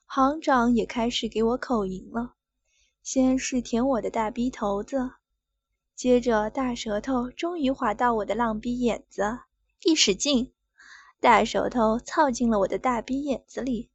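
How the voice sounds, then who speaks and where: Woman narrator, adult audio story; high breathy voice, lingering delivery, dry close lo-fi sound. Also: unhurried, dry recording.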